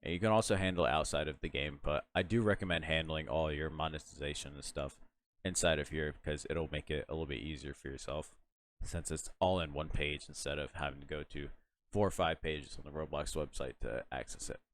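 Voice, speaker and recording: Very deep-voiced man rambling through a tutorial. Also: fairly even intonation, fairly quick, slight background noise. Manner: rambling, lots of fillers and restarts, yawning. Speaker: tutorial host. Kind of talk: casual screen-recorded software tutorial.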